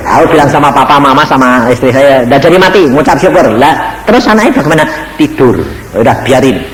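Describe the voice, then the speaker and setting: A middle-aged male pastor giving a testimony sermon, telling his story in a lively way and acting out the voices of the people in it. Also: medium pitch, quick pace, slight background noise, low-quality recording. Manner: animated storytelling, acts out quoted voices, addresses audience as "saudara".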